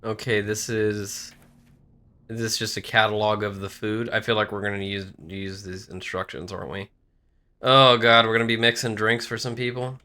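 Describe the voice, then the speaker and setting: A man's voice: fairly low pitch, level tone, moderate pace, pushed and bright. A man casually commenting on a game and voicing characters, jokey and rambling. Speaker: gamer.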